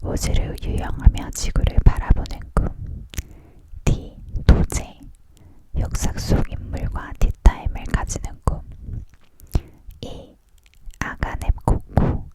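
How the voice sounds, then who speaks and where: A person reads a story in a breathy, unvoiced whisper, as if leaning in close, in the style of an ASMR audiobook. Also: slow pace, pauses often. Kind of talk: whispered ASMR book reading, scripted narration.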